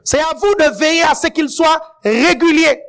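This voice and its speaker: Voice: sits high, normal speed, fairly bright tone. A guest preacher giving a sermon, often checking in with the congregation and adding playful asides.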